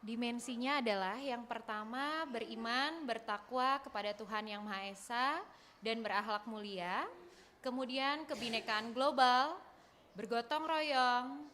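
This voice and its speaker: A woman's voice: on the high side, unhurried, pushed and bright. Woman teacher listing answers, faint noise. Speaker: teacher in audience.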